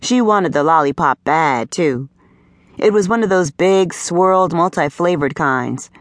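A woman narrating an audiobook in a smooth, conversational storytelling manner, close to a studio mic. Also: on the low side, lively intonation, a little slow, no echo. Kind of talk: scripted narration. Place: recording studio.

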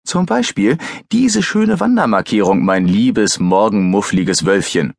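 A man's voice: lowish voice, very animated, unhurried, creaky, no echo, studio quality, exaggerated voice. A man voicing a teasing, jovial male forensic pathologist who needles his grumpy friend in an audiobook. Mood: mocking glee. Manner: gleeful, needling, mock-exasperated.

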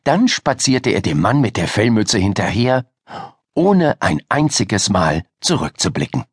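A man narrating a children's audiobook with expressive, lively storytelling. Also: on the low side, measured pace, husky, dry recording, clean studio sound.

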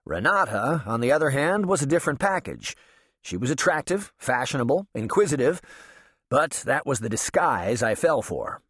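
A man's voice: medium pitch, sing-song, normal speed, fairly bright tone, husky, dry recording, clean studio sound. Wry male audiobook narrator. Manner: wry, sardonic first-person storytelling. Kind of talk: scripted narration.

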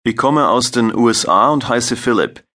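An actor playing a friendly male participant in a scripted language-course dialogue, speaking slowly and clearly. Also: medium pitch, bright, forceful tone, lightly acted. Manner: slow, clear, careful delivery.

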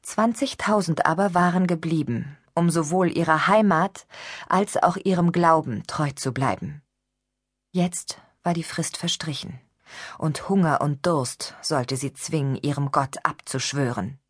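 A woman's voice: low-pitched, a little slow, slightly rough, dry recording, clean studio sound. Woman narrating an audiobook. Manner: steady, even storytelling. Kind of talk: scripted narration. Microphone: studio microphone.

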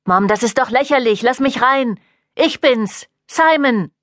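Woman doing a desperate young vampire guy begging to be let in, raised and higher voice. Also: expressive, a little slow, no room sound, studio quality. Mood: pleading. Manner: pleading, raised voice. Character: desperate young male vampire pleading at a door.

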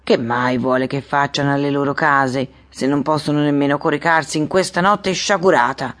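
Calm, placating mayor, read by a woman narrator, lower and quieter than the rest. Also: normal speed, lightly acted. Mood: soothing. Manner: soft-spoken, soothing. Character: conciliatory middle-aged male town mayor.

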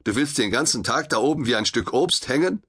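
A man's voice: medium pitch, expressive, a little fast, a bit bright, breathy edge, voice pushed up. A man doing a coaxing immortal leader. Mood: incredulous. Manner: coaxing, insistent.

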